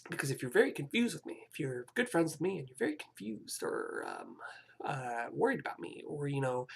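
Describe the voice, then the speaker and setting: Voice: mid-range voice, gravelly, husky. A young adult of about twenty vlogging a rambling, hesitant personal confession, often apologizing and restarting sentences.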